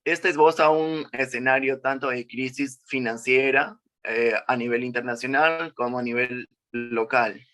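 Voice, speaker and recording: A man's voice: medium pitch, steady tone, a little slow, few pauses, bright, forceful tone. A 21-year-old man giving a class presentation, walking through slides with frequent "eh" and "este" fillers. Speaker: student presenter.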